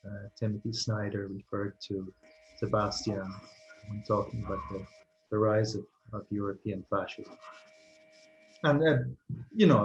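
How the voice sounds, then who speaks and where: A man who works as a translator and writer answers interview questions thoughtfully but haltingly, repeating words while hunting for the right ones. His voice sits lowish, and the lo-fi recording was made in an echoey room.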